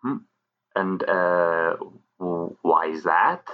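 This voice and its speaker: A man's voice: deep voice, extremely slow, pitched below the performer's own voice. A man voicing a timid, nervous extra who stutters and pleads. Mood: pleading. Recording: muffled lo-fi recording.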